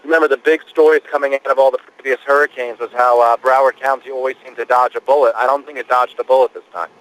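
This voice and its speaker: A male field reporter telling his storm experience live and unscripted, halting and repeating words as he goes. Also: mid-range voice, steady tone, a bit bright, rough recording.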